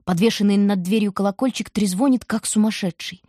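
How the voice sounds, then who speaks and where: A woman narrating a storybook audiobook in a vivid, expressive way. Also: medium pitch, a little fast, dry recording, studio quality.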